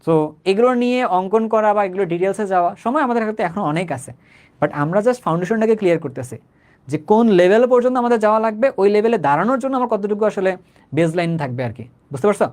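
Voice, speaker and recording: A man's voice: sits high, expressive, darkish tone. A young man with a Bangladeshi Bengali accent teaching a live chemistry class, conversational, repeating points and checking that students understand. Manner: says he talks slowly, repeats himself.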